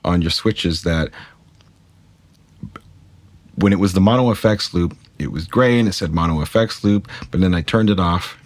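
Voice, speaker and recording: Brief: man, deep voice, dry close mic, casual gear tutorial, rambling and friendly to viewers. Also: moderate pace, long pauses, dry recording. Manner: chatty, self-correcting, addresses viewers directly. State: talking with a pick in his mouth. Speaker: guitar gear tutorial maker. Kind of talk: casual screen-capture tutorial.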